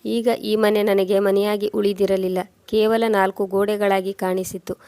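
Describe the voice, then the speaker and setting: A woman reading a sorrowful first-person story in a steady way. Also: mid-range voice, a little slow, no room sound.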